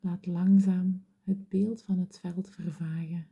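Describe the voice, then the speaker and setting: A woman whispering softly as she leads a guided meditation in a slow, soothing, gentle manner. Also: on the low side, little pitch movement, husky, highs cut off.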